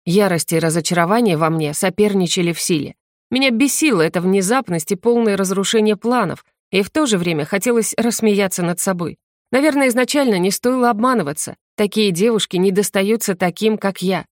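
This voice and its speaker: A woman narrating a first-person audiobook in a steady, even storytelling manner. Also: mid-range voice, brisk, no echo, clean studio sound.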